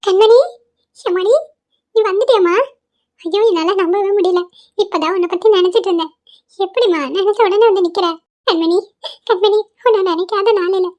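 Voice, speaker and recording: A woman's voice: high-pitched, fairly even intonation, quick pace, natural voice. A woman voicing a grumbling old grandmother. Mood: overjoyed. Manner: lamenting, grumbling monologue. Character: grieving elderly grandmother, scolding, sentimental. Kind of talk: cartoon voice acting.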